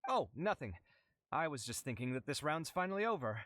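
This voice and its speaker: Earnest young architect. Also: male voice, a little high, sing-song, fairly quick, fairly bright tone, no echo, studio quality.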